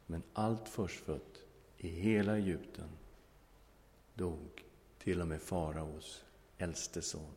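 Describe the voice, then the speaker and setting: A man's voice: low voice, pauses often, a little mellow. A male preacher giving a sermon, telling a Bible story with humor and ending in prayer. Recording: long echoing hall reverb.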